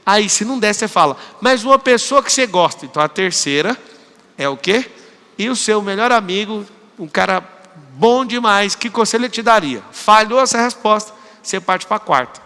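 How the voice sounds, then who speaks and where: High-pitched, gravelly Brazilian man on stage. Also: normal speed, long reverb tail. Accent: Brazilian Portuguese. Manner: energetic, commanding, acts out dialogues with students. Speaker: motivational speaker. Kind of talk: live motivational talk. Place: large hall with audience.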